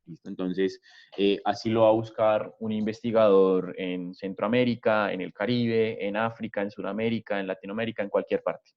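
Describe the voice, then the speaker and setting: A man leading an online training session, explaining step by step and often checking in with a quick question to the listeners. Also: on the low side, fairly even intonation. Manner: explanatory, repeats "¿listo?" and "entonces" often. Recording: dull lo-fi webinar audio.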